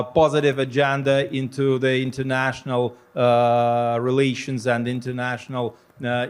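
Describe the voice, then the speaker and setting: Man on a panel, listing points deliberately. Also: medium pitch, clear, resonant tone. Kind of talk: unscripted panel answer.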